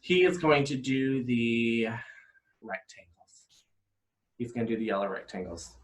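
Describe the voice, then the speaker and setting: A man's voice: medium pitch, measured pace. Upbeat man teaching young children. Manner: animated, upbeat, playfully exaggerated. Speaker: elementary teacher. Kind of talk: playful video lesson for children.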